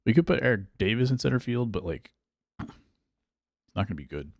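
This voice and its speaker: A man's voice: mid-range voice, expressive, fairly quick, vocal fry, dry recording, studio quality. A male streamer chatting casually while he plays, thinking aloud about his picks and answering his chat. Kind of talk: casual gameplay livestream chat.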